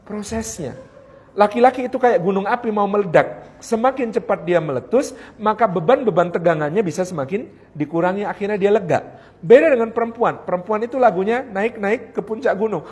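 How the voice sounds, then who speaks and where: A man's voice: sits high, a little mellow, husky. A middle-aged man giving a joking marriage sermon, acting out husband and wife in quoted voices. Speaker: preacher.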